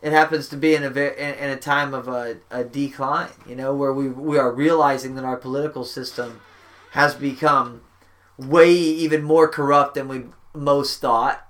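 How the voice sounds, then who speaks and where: A man's voice: mid-range voice, moderate pace. A man hosting a podcast, chatting casually in a backyard shack, rambling and swearing freely. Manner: rambling, profane, animated. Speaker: podcast host. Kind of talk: casual chat.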